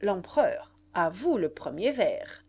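A woman voicing a boisterous old fisherman in a storybook reading, calling out in loud, exclaiming cries. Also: high-pitched, lively intonation, measured pace, heavily acted. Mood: exuberant. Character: excited old fisherman, boisterous village leader.

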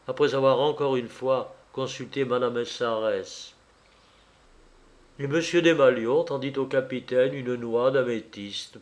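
A man reading a classic novel aloud, with an even, literary storytelling delivery. His voice sits at an ordinary mid-range male pitch, steady from sentence to sentence. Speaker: audiobook narrator. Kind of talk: scripted narration.

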